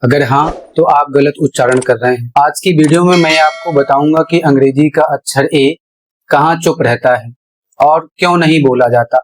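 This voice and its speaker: A man's voice: fairly high pitch, normal speed, rough recording. A man teaching English pronunciation at a board in a classroom-style lesson. He spells words out letter by letter and poses questions that he answers himself.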